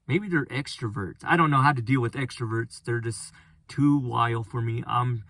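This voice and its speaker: A man with a gravelly, flat monotone voice talks through a casual solo podcast, rambling and restarting his sentences as he goes. The recording is dry and close, with no room sound. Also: mid-range voice, dry recording. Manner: rambling, halting with frequent restarts. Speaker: podcast host.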